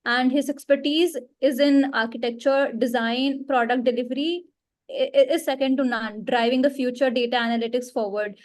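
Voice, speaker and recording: A woman hosting a webinar over a video call, halting and using many fillers. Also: sits high, steady tone. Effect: heard over a video call. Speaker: host.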